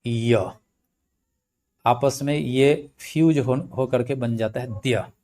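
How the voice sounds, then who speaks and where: A male teacher delivers a slow, blackboard-style grammar lecture at a measured, unhurried pace, breaking each word down letter by letter. His voice is somewhat high for a man, and he speaks while patiently repeating his points.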